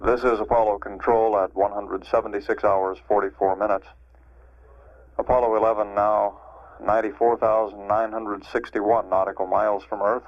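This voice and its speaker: Male spaceflight commentator, lowish and monotone, measured halting delivery, muffled archival radio sound. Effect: archival broadcast radio sound. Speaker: mission control public affairs announcer. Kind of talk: live spaceflight status commentary. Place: Mission Control. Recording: dull, band-limited archival radio feed.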